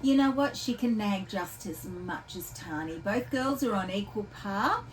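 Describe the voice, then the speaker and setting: A woman's voice: medium pitch, expressive, measured pace. An Australian woman who works at an animal shelter, giving a casual, rambling weekly update with many ums and restarts. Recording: voice from a distance from the camera, faint background ambience.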